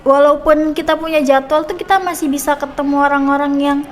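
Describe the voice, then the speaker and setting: Young woman podcast host, high pitched, keeps the chat going with hmms. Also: flat delivery, brisk, a little hiss or hum. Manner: chatty, friendly prompting with many hmm and nih fillers. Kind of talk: casual podcast interview.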